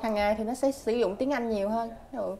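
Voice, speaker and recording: A woman's voice: fairly high pitch, brisk, a crowd in the background. A woman with a Southern Vietnamese accent answering interview questions about her child, hesitant and polite, with many fillers.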